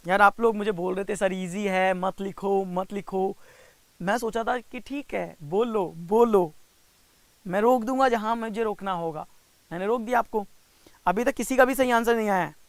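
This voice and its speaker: This young Indian teacher's voice sits high and a bit bright, with no echo. He leads a live online reasoning class for bank exams, mixing Hindi into his English. Reading out student names, he coaxes and teases them and slows down to explain every step.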